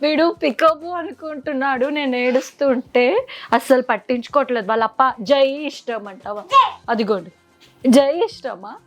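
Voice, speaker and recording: A woman's voice: sits high, normal speed, lo-fi sound, faint music behind. A young woman, a mother and vlogger, talking to her toddler at home in playful sing-song baby talk.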